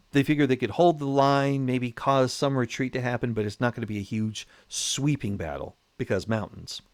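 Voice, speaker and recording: A man giving a casual, animated history lecture, acting out nations as characters. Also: medium pitch, no echo. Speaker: history lecturer, channel host.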